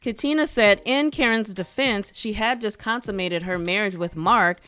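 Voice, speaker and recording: A woman's voice: mid-range voice, moderate pace, sharp tone, clear, resonant tone. Chatty woman recapping reality TV gossip. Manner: chatty, wry, opinionated. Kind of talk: scripted gossip recap narration.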